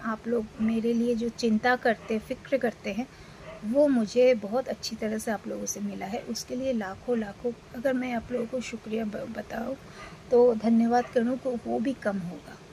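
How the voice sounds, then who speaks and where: Female vlogger, 40s, from India, unwell; relaxed rambling delivery with fillers over faint room noise. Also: on the high side, creaky, poor audio. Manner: rambling, with many fillers and restarts. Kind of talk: casual talk to camera.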